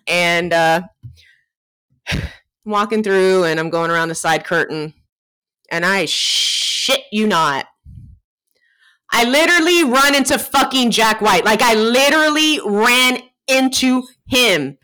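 A woman co-hosting a podcast, telling a story in a casual, animated way, laughing often and swearing freely. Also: medium pitch, slow, long pauses, clear, resonant tone. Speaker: podcast co-host.

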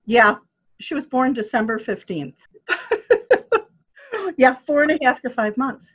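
An older woman telling a personal story in a casual, animated way, acting out quoted voices and laughing often. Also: fairly high pitch, measured pace. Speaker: guest telling her birth story.

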